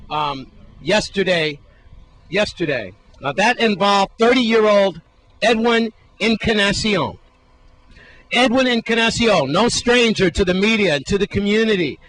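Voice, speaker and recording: A man's voice: sits high, a bit bright, rough recording. A man, reporting from the field for a local TV news station, stressing and repeating key words. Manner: emphatic, repeats key words, asks viewers to remember.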